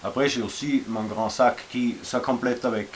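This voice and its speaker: A man with an Austrian accent talks through his survival gear in a loose, halting way, full of fillers and restarts. His voice sits at an ordinary pitch for a man. A faint hiss runs under the recording. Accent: Austrian German. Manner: hesitant, many fillers and restarts, relaxed and informal. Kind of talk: casual show-and-tell vlog.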